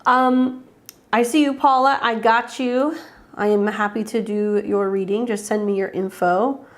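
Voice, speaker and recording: Congested from a head cold, a woman chats casually on a livestream, doing astrology readings and welcoming viewers by name. Her voice is on the high side, steady in tone, and measured in pace.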